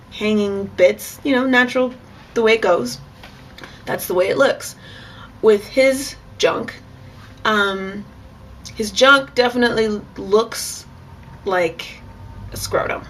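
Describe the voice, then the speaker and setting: Young adult woman, candid vlogger, gravelly fry, faint background hiss. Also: mid-range voice, fairly bright tone. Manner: frank, chatty, with bursts of laughter. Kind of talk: casual candid vlog monologue.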